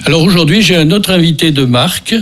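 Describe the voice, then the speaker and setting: An older man with a Beaujolais accent hosts a local radio music show. His voice sits a bit high, and he talks in a meandering way, stopping and starting again often. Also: fast talker, a bit bright. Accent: French from Beaujolais. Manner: rambling, hesitant, many restarts and fillers. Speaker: radio host.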